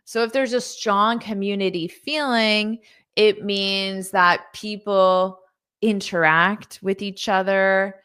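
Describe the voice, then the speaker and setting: A woman's voice: medium pitch, steady tone, takes it slowly, fairly bright tone, smooth. A woman teaching English in a live online lesson, reading out viewer comments, repeating words patiently and praising students.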